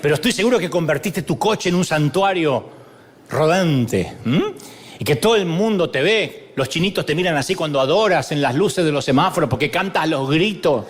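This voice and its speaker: A middle-aged man with an Argentine accent delivers a humorous sermon to a live congregation. His voice sits high for a man and leaps across a wide pitch range as he mimics churchgoers and jokes with the crowd. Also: lively intonation, moderate pace, slight background noise. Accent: Argentine Spanish. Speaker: preacher.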